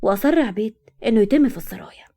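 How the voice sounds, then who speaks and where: A woman's voice: mid-range voice, lively intonation, very fast, warm tone. A woman with an Egyptian accent narrating a dramatic story, telling it with intensity. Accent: Egyptian Arabic. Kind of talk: read-aloud story narration.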